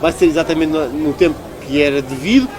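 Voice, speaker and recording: A local politician with a European Portuguese accent speaks fast in a fairly high voice during a conversational political interview, with crowd noise behind him. He argues emphatically, repeating phrases for stress.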